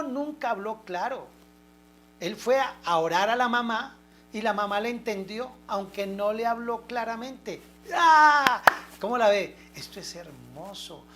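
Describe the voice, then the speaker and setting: An older woman preaching an informal, homely sermon, often checking that listeners understand. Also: mid-range voice.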